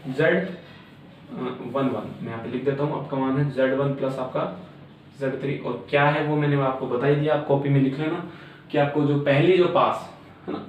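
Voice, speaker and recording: Male teacher, board lecture, somewhat high voice, very echoey room, mic far off, faint hiss. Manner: repetitive filler-laden explaining, frequent "aapka".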